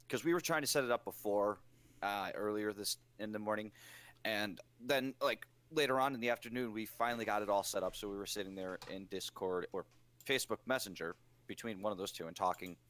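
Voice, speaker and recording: Casting note: man, lowish voice, chatty and enthusiastic storyteller. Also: a little fast, a bit bright. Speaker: podcast co-host. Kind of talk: casual chat.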